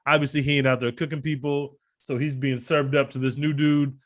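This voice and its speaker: On a casual podcast, a co-host with a mid-range voice talks briskly and with little pitch movement. His fight picks come in a laid-back, slangy style full of laughter, typical of loose sports betting banter.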